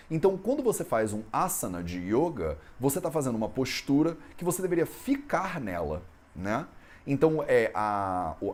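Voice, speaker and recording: A man from Brazil teaching an Ayurveda lesson in a conversational way, often ending phrases with a questioning tag. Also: fairly high pitch. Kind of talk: explanatory lesson on Sanskrit texts.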